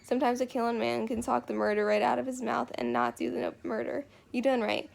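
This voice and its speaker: A woman reading the lines of a quiet, earnest former preacher man who talks softly in a rural dialect. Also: on the high side, level tone, brisk, creaky. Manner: soft-spoken, rural dialect.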